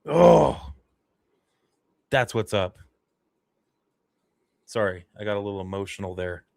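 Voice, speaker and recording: A man with a fairly low voice talks through a football game as a fan livestream host, in casual play-by-play. He gets worked up and emotional over the action. The sound is dry and close, with no room around it. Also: moderate pace, no echo. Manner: excitable, emotional fan reactions.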